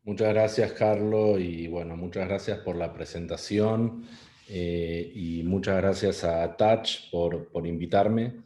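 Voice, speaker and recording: A middle-aged man with an Argentine Spanish accent gives an online webinar presentation, hesitating often, using many fillers and restarting sentences. His voice sits low and warm, with fairly even intonation and a slow pace. The sound is reverberant.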